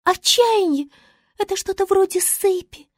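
A woman's voice: extremely high pitch, a little slow, no room sound, studio quality, voice pushed up. A woman voicing a dramatic, haughty female star who talks in a theatrical, wailing, bossy way.

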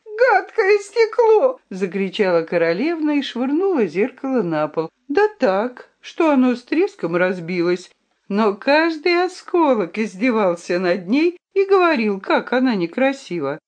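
A woman's voice: fairly high pitch, big pitch swings, a little slow. A woman reading a children's story aloud with dramatic expression.

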